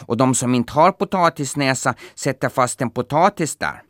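A man's voice: mid-range voice, lively intonation, no echo, clean studio sound, pitched above the performer's own voice, natural voice. A man voicing a helpful talking wolf in a storybook, patiently explaining things.

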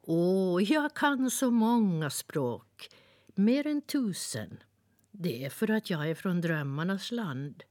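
A woman voicing a chirpy little talking nightingale from a dream world, chirping and excited as she reads a storybook aloud. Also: lowish voice, no room sound, studio quality. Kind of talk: storybook reading.

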